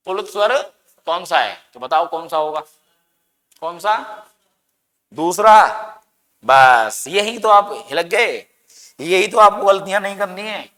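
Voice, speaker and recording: Teaching exam-prep grammar, a man asks his students questions and then answers them, stretching words dramatically to stress them. His high, bright, forceful voice is animated yet slow, with long pauses, and the audio carries a long echoing reverb.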